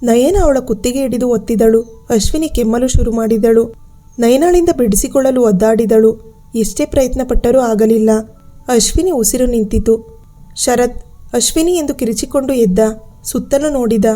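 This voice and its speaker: A woman storyteller giving a steady, measured scripted narration of a ghost story. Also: on the high side, soft background music.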